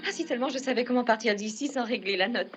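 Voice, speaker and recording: A woman's voice: fairly high pitch, quick pace, close to an everyday voice. An actress playing a cheerful, motherly baroness, fussing deferentially, in a dubbed period film. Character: cheerful, motherly baroness attending her young queen. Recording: muffled old film soundtrack, music behind.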